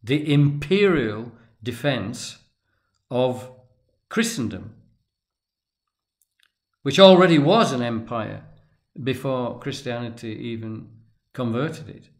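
Man, unscripted lecture, deliberate halting delivery, mid-pitched voice. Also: lively intonation. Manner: deliberate, halting, with restarts and emphatic pauses. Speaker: tarot and religion commentator.

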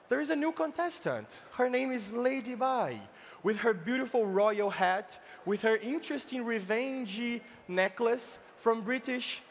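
A man giving a playful comic science talk on stage, halting often and filling pauses as he explains. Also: high voice. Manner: playful, halting, with many fillers and restarts. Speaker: science slam presenter. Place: large event stage, indoors. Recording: reverberant live event hall.

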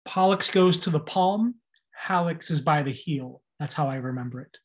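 A man records an anatomy lecture over his slides. He spells out and repeats each term, stressing how it is pronounced. He talks in a plain, even teaching voice. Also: fairly high pitch, moderate pace.

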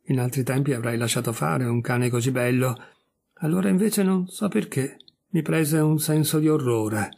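A man reading a literary story aloud in a measured, serious narration. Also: mid-range voice, creaky, a little mellow. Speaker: audiobook reader.

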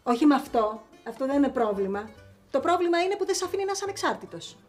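A brisk, sharp-tongued woman. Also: high voice, sing-song, faint music behind. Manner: brisk, dry, scolding. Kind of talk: sitcom acting.

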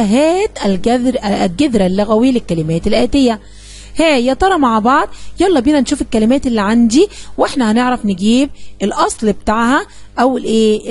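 A woman teacher with an Egyptian accent, talking at a quick clip in a slightly raised voice. She coaxes the class along, asking questions and answering them herself as she explains a grammar lesson. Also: on the high side, darkish tone. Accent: Egyptian Arabic.

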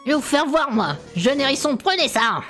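A woman's voice: high voice, big pitch swings, fairly quick, music in the background. A woman voicing a rude, grumbling old male craftsman in a video game playthrough. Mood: grumpy.

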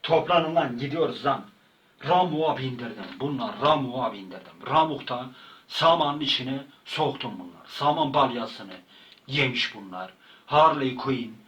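A man tells a meandering comic story in loose, slangy speech, circling back and repeating phrases as he stumbles along. His voice is bright and sharp, sitting in a middle register. He sounds slightly distant from the microphone. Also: medium pitch, lively intonation, moderate pace. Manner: repetitive, slangy, stumbling retelling. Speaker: channel host. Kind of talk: rambling comic monologue.

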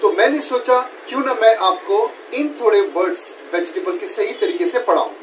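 A man teaching English pronunciation, drawing out and repeating each word slowly and calling his viewers dear students. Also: sits high, expressive, slight background noise. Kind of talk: pronunciation lesson.

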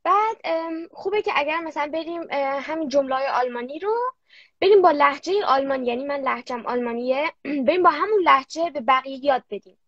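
A woman's voice: high voice, a bit bright, no echo. A young girl guest answering interview questions casually and hesitantly, with many fillers. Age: child. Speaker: guest, young German-language creator. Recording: dull lo-fi dry sound.

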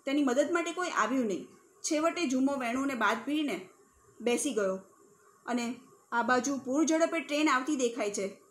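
A woman teacher reading a story aloud for a class and then explaining it, acting out the characters' shouts with feeling. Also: high-pitched, animated, moderate pace.

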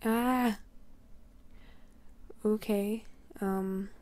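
Slow-talking hoarse young woman gamer. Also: medium pitch, steady tone, darkish tone, dry recording. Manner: slow, rambling, often drops to a whisper. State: hoarse from a cold. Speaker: gaming channel host. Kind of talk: casual gameplay commentary.

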